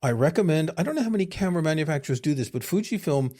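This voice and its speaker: A man co-hosting a podcast in casual chat, thoughtful with dry sarcasm, often pausing to rephrase. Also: a little high, animated, dark tone. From living in Europe. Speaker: podcast co-host.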